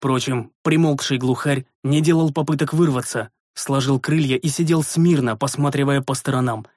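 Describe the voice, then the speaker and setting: A man narrating a first-person fantasy story in a measured, expressive way. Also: medium pitch, no room sound, clean studio sound. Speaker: audiobook narrator.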